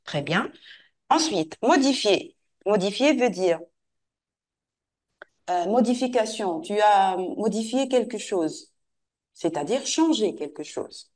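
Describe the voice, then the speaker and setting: A woman teacher giving an online French lesson to a pupil, patiently repeating and modeling words slowly. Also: mid-range voice, expressive, a little mellow.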